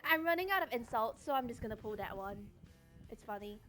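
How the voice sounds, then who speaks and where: Young woman streamer, fairly high voice, playful and teasing, casual chat over music. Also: expressive, quick pace, fairly bright tone. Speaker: art livestreamer. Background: background music.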